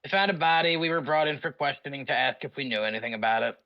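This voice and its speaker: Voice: mid-range voice, quick pace, dull audio. A tabletop player answering in character with wry, laid-back replies. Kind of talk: in-character tabletop role-play.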